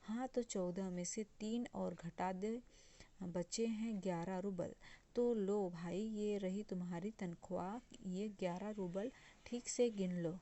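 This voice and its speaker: A woman's voice: medium pitch, slow pace, dark tone. A woman teacher reading out the lines of a stern male employer from a textbook story. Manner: reads quoted lines aloud from a textbook. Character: stern male employer cheating his governess.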